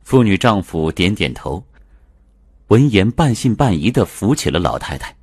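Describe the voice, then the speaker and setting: Husky low-voiced guy reading a ghost story audiobook, dry close sound, lots of swing in his voice. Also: normal speed, no room sound. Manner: expressive, storytelling. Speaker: audiobook narrator. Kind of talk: first-person storybook narration.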